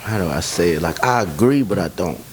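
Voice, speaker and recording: A man's voice: sits low, expressive, a little fast. Hesitant man, faint hiss behind. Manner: hesitant, searching for words. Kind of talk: casual conversation.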